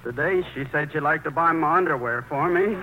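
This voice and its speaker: This noisy old radio broadcast features an actor in 1940s radio style as a grown son tied to his mother, timid and anxious, whining, stammering and bashful as he hesitates. The man's voice is a little high and narrow, fairly quick and lightly acted, and the audio is tinny.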